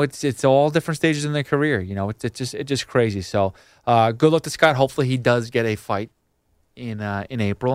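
A man's voice: mid-range voice, no room sound. Man, podcast host, casual sports talk, colloquial, repetitive emphasis, close dry sound.

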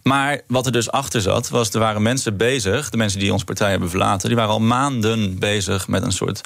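Politician guy talking fast, kinda gravelly, repeats himself, dry sound. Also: lowish voice, steady tone, fairly bright tone, no room sound. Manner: fast, repeats words when starting, argues firmly. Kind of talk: political interview.

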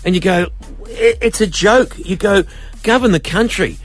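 A man's voice: high-pitched, moderate pace, soft background music. A man with an Australian accent hosting casual talkback radio in a matey, blokey way. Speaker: radio host.

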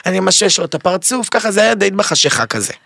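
A man as a podcast guest, telling a personal story in a lively, dramatic way, jumping between loud and hushed. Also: high voice, creaky, no echo, studio quality.

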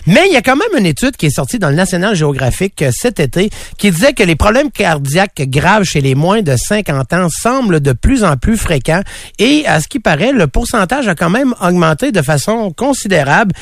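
A Québécois man hosts a radio show, his voice somewhat high and gravelly, recorded dry and close. He asks his questions haltingly, stopping and restarting mid-sentence. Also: sing-song, dry recording. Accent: Québécois French. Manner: hesitant, many fillers and restarts. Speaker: radio host. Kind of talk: radio interview.

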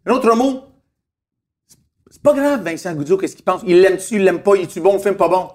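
A man's voice: high-pitched, lively intonation, brisk. A man, telling stories emphatically in a casual chat and asking rhetorical questions. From Montreal, Quebec. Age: 50s.

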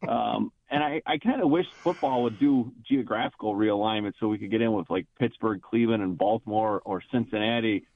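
A man's voice: lowish voice, fairly quick, hardly any pauses, dry recording. Man on the phone, radio call-in caller from Buffalo, rambling, chatty, narrow tinny phone line, dry sound. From Buffalo, New York. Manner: rambling, chatty, cheerfully trash-talking. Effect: heard over the phone. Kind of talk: casual sports talk call.

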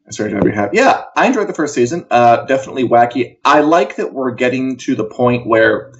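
Joking and chatting wryly, a man co-hosts a pop culture live show's casual news chat over a video call. He speaks briskly and expressively in a mid-range voice, though the audio is dull and lo-fi.

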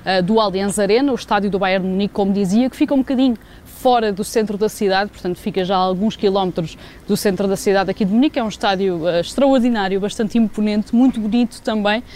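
A woman with a European Portuguese accent giving a semi-spontaneous live report as a sports correspondent, often pausing mid-phrase. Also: mid-range voice, darkish tone. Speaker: sports journalist, special correspondent.

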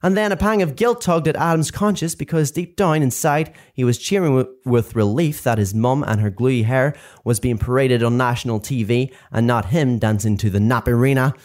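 A man reading his own book aloud in lively, animated storytelling. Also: medium pitch, moderate pace, few pauses. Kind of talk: expressive audiobook narration.

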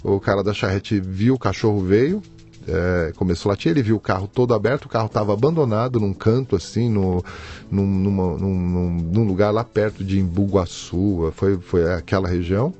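A middle-aged man with a Brazilian Portuguese accent, a podcast guest recounting a personal story haltingly, restarting and repeating words. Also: deep voice, mellow, highs cut off, faint music behind.

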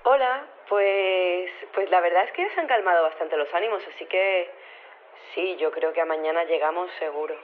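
In an audio drama, a woman with a lowish voice plays a casual female robotics professor being interviewed over the phone, speaking at a moderate pace. She is matter-of-fact and unflappable, rambling colloquially. A telephone filter makes the line thin and tinny, with clearly audible background noise.

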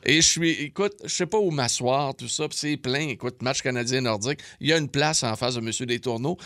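A man's voice: mid-range voice, brisk, a bit bright, dry recording, studio quality. A man from Quebec City with a Québécois French accent hosting a casual morning radio chat. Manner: playful, laughing banter. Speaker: radio show host.

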